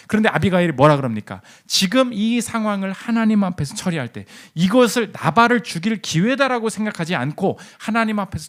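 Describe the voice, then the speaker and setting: Lively Korean pastor preaching. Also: male voice, high-pitched. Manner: animated storytelling with acted-out quotes. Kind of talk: sermon. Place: church.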